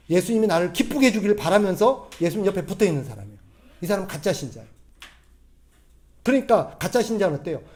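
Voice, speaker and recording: Male pastor, high voice, conversational sermon full of questions to the congregation. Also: a little mellow. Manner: acts out quoted voices in a gruff tone.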